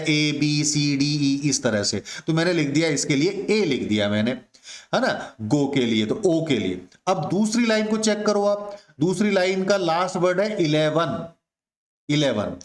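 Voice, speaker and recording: A man teaching a poem to students in Hindi, speaking slowly and repeating points, calling them his dear friends. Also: high voice. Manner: slow, repetitive, addresses students as my dear friends. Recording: echoey room.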